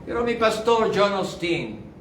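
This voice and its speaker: A man's voice: sits high, sing-song, a little slow, a little hiss or hum. An older male pastor giving a fervent sermon testimony, dropping in short English asides. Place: church. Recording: roomy church sound, distant mic, faint music.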